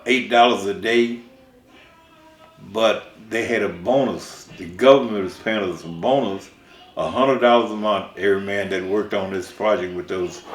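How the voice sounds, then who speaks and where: A man's voice: on the low side, fairly bright tone, echoey room. An older man from Mississippi, a songwriter, recalling his life in a rambling way with many restarts.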